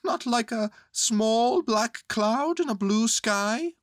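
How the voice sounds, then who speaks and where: Woman acting male toy bear, storybook character, high-pitched, earnest schemer, excitable, pompous, dry close sound. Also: unhurried, no room sound. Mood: excited, anxious. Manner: excitable, ponderous, self-important pronouncements.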